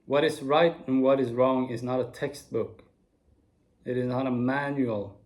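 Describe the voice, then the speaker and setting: A man in his forties talks in a slow, unhurried monologue at a middle pitch. He sounds earnest and reflective, and soft laughs slip in now and then. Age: 40s. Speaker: video speaker.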